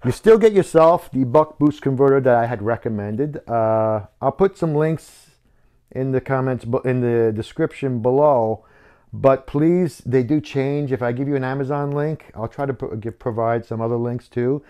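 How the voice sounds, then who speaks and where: Speaking at a moderate pace in a mellow, medium-pitched voice, a man in his fifties runs a casual how-to tutorial for his video channel. He chats through each step from inside his wooden home workshop.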